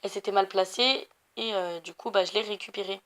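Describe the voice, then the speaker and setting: Brisk and a bit bright, her medium-pitched voice keeps a steady tone. The young gaming YouTuber, of Portuguese family background, chats casually over a video game, rambling with many fillers and self-corrections.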